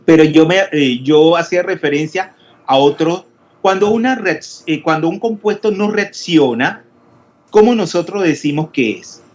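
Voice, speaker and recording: Male teacher in an online lecture, slightly high pitch, quizzes students, hesitant, muffled audio. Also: lively intonation, normal speed. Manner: questioning, explanatory, many hesitations. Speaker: chemistry teacher. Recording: dull lo-fi audio with faint noise.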